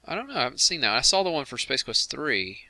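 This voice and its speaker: Gravelly, bright-voiced chatty man. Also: medium pitch, big pitch swings, fast talker. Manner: chatty, laughs easily, addresses the chat room. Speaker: host of a game commentary stream. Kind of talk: casual livestream commentary.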